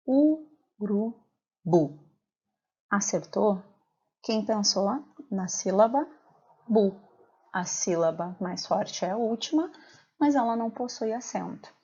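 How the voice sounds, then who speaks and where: A Brazilian woman teacher talks her pupils through a recorded lesson, stopping to ask them questions. Her voice is gravelly and a little husky. The recording sounds dull and lo-fi. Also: mid-range voice, a little mellow. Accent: Brazilian Portuguese. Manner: clear, patient explaining with questions to pupils.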